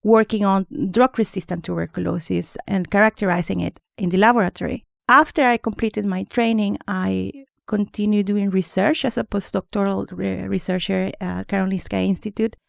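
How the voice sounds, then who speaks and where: A woman's voice: mid-range voice, vocal fry, dry recording, studio quality. A woman, a microbiologist explaining things carefully as a podcast guest, with small restarts. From Honduras. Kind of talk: podcast interview.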